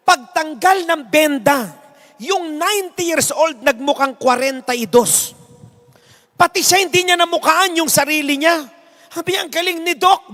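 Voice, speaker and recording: A male priest giving a sermon with a humorous anecdote, an animated storyteller mixing jokes and teaching, recorded in a reverberant church hall. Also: very high voice.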